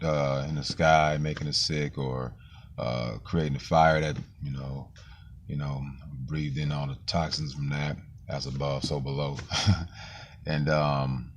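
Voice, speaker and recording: A man talking casually in a loose, slangy monologue, his voice deepened and roughened by the flu. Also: a little hiss or hum. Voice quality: very deep, gravelly voice. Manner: loose, street-slang talk with frequent fillers and swearing. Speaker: vlogger.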